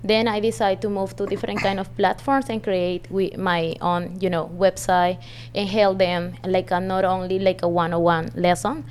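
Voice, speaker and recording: A woman's voice: medium pitch, level tone, normal speed, darkish tone, slight background noise. Young woman. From Peru. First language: Spanish. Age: young adult. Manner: upbeat, hesitant with um fillers. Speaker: podcast guest. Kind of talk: friendly interview answers. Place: media studio.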